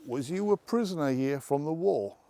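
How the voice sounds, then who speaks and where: A man hunting ghosts outdoors in a forest at night. He calls out questions to spirits, then talks quietly to his companion. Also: a little high, expressive, moderate pace. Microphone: camera held by a companion.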